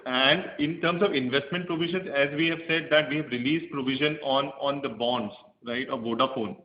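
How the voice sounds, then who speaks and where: A man speaks on speakerphone from an echoey conference room, and the audio comes through dull and muffled. He is a bank executive explaining figures to analysts on a call. He talks in a measured way, with many fillers and restarts. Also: medium pitch, a little hiss or hum.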